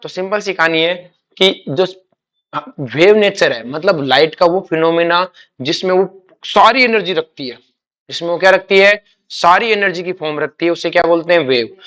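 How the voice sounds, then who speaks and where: A man teaches a chemistry class in a fairly high, sharp voice. In this lecture he explains with homely examples, calls students "beta", asks quick check questions and has them repeat key words.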